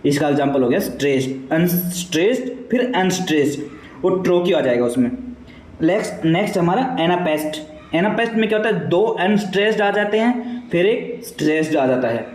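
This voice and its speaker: A man's voice: high-pitched, lively intonation, normal speed, a little mellow, roomy sound, poor audio. Man lecturing with self-posed questions. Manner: explains step by step, asking and answering his own questions; mixes English terms into Hindi. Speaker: teacher. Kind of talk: classroom lecture.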